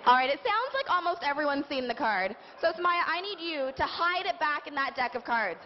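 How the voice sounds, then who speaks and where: A woman presents a live children's science and magic show like a playful kids' party magician, her high, sing-song voice brisk as she urges the audience to join in. The muffled live recording carries a noisy crowd and background noise.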